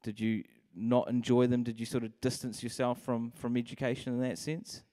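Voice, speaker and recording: A man's voice: mid-range voice, level tone, moderate pace, dark tone. A man in his thirties hosting an on-stage interview, upbeat but stumbling on fillers, speaking into a handheld mic. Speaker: host. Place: large hall with stage and audience.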